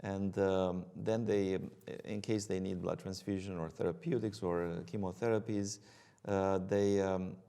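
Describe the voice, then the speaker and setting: Middle-aged romanian guy, low voice, lots of ums, explaining his clinic. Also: level tone, a little slow, dark tone, clear, resonant tone. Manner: hesitant, many ums and uhs. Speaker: guest physician.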